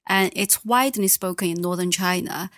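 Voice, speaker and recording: A woman teaching Mandarin tones, explaining patiently and modelling each word clearly. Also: medium pitch, normal speed, fairly bright tone, dry recording, studio quality. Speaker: language teacher. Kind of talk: language lesson.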